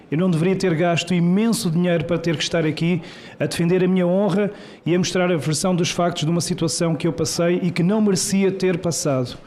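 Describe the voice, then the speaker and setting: A man's voice: high voice, a little mellow. A man from Portugal with a European Portuguese accent, reading a prepared statement at a public hearing in an emphatic, rhetorical, indignant way. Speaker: journalist giving testimony. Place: senate hearing room.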